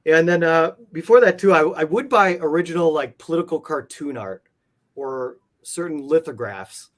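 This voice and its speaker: A man who collects comic art is interviewed and drifts through relaxed storytelling loaded with filler words. His voice is a little high and his pace moderate.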